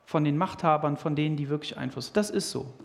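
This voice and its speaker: A man with a German accent preaching a sermon, animated and emphatic, with restarts and fillers. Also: on the high side, a little fast, creaky.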